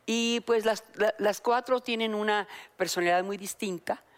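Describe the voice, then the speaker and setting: Mexican lady guest, middle-aged, animated storyteller on a chat show. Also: medium pitch, moderate pace, smooth. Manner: animated storyteller, acts out voices in quotes. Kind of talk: candid talk-show anecdote.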